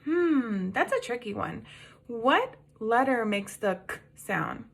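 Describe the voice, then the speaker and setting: Slow sing-song kindergarten teacher, woman. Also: on the high side, sing-song, creaky. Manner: slow, sing-song, patient prompting with questions. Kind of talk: phonics lesson to young children.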